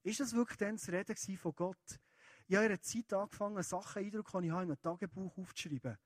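A man with a Swiss German accent preaching a sermon, talking to the congregation in an earnest, conversational way. His voice sits a bit higher than most men's, and the recording is dry and close. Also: fast talker, no room sound. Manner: earnest and conversational, addressing listeners directly.

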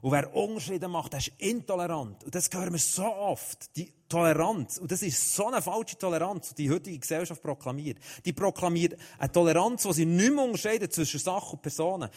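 A middle-aged man with a Swiss German accent, preaching a sermon full of personal stories, swinging from loud to hushed. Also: sits high, animated, brisk, hardly any pauses.

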